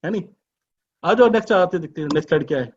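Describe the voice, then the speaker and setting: A man giving a business presentation as an informal sales pitch, chatty and persuasive, full of rhetorical questions and teasing asides. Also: expressive, racing, slight background noise. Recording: dull lo-fi recording.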